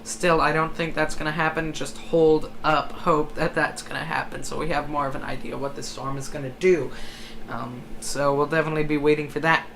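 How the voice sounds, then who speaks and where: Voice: mid-range voice, flat delivery, brisk, creaky, fairly bright tone. A person hosting live hurricane coverage, commenting on forecasts in a hesitant way and often correcting their own words. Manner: hesitant, self-correcting delivery. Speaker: livestream host tracking a hurricane. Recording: noticeable background noise.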